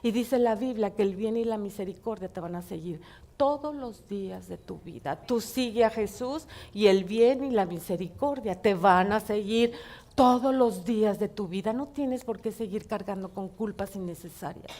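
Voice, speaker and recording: A middle-aged woman, preaching a sermon full of personal stories, swinging between hushed and loud. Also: mid-range voice, normal speed.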